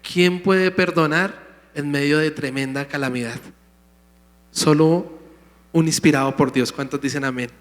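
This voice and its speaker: In a church sanctuary where a long reverb lingers after every phrase, a pastor calls out emphatically to his congregation. His voice is slightly high, his intonation fairly even, and he speaks a little slowly with frequent pauses.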